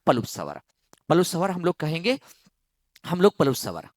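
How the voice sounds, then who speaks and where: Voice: medium pitch, wildly swooping pitch, normal speed, dry recording, clean studio sound. A teacher giving a grammar lesson for exam students, repeating key phrases, asking the class questions and stretching out words to show long vowels.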